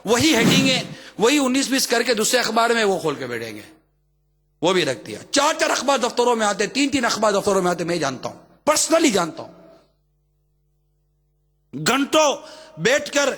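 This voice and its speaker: A male preacher with a very high, bright, ringing voice delivers an emphatic sermon. He drives his points home with repeated phrases and rhetorical questions, and his words trail off into the long reverb of a big hall. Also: sing-song, pauses often, soft background music.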